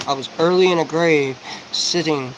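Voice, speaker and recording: A man in his forties delivers a disjointed live-stream monologue, swearing freely as he jumps from thought to thought. His voice sits high for a man, and he talks in quick, tumbling bursts. A faint hiss of noise runs underneath. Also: poor audio. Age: 40s. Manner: rapid, profane, rambling and disjointed. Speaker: livestreamer.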